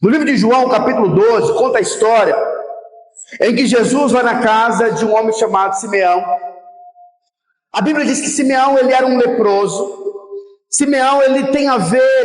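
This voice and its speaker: A male pastor from Brazil preaching a sermon in a church, emphatic and slow, rising into shouts. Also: very high voice. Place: church sanctuary. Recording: echoey church hall.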